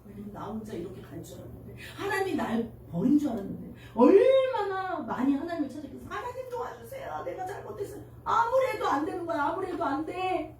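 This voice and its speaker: A woman's voice: high voice, big pitch swings, fast talker, a little mellow. A woman pastor giving an emotional sermon to a children's congregation, asking them questions. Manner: emotional, tearful at moments, addresses congregation with questions. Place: church sanctuary. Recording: echoey church hall from far off.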